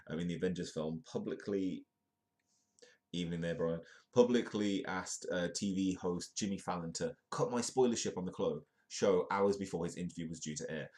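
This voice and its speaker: A British-accented man with a very low, deep and slightly mellow voice hosts a comedic live news stream. Stuffed up and bunged from a cold, he still keeps things chatty and joking while reading stories aloud.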